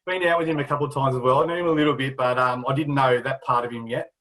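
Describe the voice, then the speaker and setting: A man's voice: mid-range voice, fairly even intonation, very fast, a bit bright, poor audio. A man, a former footballer, casually telling old club anecdotes with a laugh in his voice. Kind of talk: casual storytelling.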